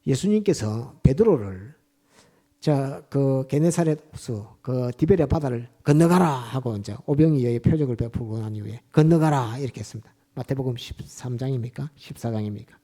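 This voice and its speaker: A man's voice: medium pitch, animated, moderate pace, warm tone. A man preaching a sermon in church as pastor, retelling scripture scenes vivdly and repeating his points with emphasis.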